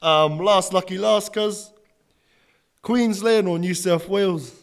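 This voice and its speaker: A man's voice: sits high, takes it slowly. A man with a broad New Zealand Māori English accent, co-hosting a podcast with jokey, slangy banter. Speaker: podcast co-host. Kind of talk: casual banter.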